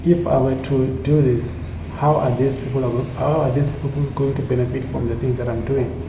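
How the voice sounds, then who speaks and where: In an echoey room with constant background noise, a South African community initiative founder, a native Tsonga speaker, delivers a reflective, motivational monologue. He's earnest and halting, repeating phrases, with a flat, medium-pitched voice.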